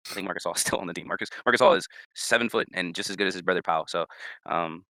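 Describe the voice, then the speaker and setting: A young man co-hosting a casual sports podcast, rambling and repeating words, his pitch jumping up when he gets emphatic. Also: rapid-fire, pushed and bright, no room sound. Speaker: podcast co-host.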